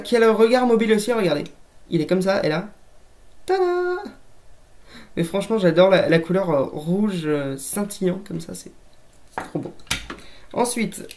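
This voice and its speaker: In a mid-range voice with a darkish tone, a toy collector vlogger chats casually to camera from her home, near a shelf of toys. Her show-and-tell is friendly and jokey, aimed at viewers she treats like friends.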